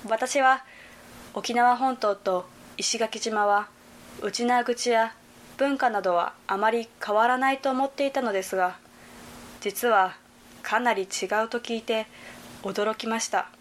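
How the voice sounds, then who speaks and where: A young woman from Hyogo narrating a prepared report, reading in a careful, measured way. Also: a little high, steady tone. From Hyogo Prefecture, Japan. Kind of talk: scripted narration.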